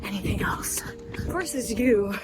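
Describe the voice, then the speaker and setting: A woman's voice: very high voice, wildly swooping pitch, slow, whispered. A woman vlogging casually into a handheld camera while jogging, tired and exerted from running. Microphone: handheld camera at arm's length. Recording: music behind.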